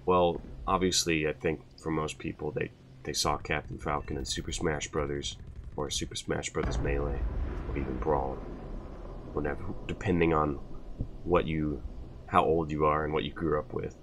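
A man's voice: extremely low pitch, flat delivery, normal speed, noisy background. A young man hosting his channel, answering viewer questions in a loose, rambling way with lots of fillers. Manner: rambling, many fillers, laughs at himself. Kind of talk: casual Q&A chat.

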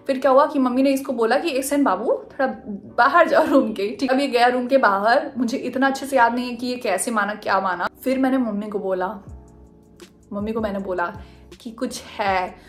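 Young woman vlogger, chatty storyteller, slightly high voice. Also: a little fast, soft background music. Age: young adult. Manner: chatty, animated, mixing Hindi and English. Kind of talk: casual storytime.

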